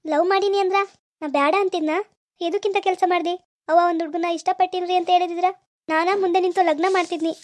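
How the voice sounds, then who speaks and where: A woman's voice: very high voice, steady tone, fast, darkish tone, dry recording, clean studio sound, pitched above the performer's own voice. A woman voicing a scolding older village mother in a cartoon, with a reproachful manner.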